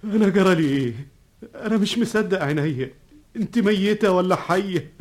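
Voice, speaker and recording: A man's voice: high-pitched, a little fast, darkish tone, close to an everyday voice. An actor with an Egyptian Arabic accent playing a confused, anxious young man who doubts his own senses. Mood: agitated. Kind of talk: Egyptian TV drama acting.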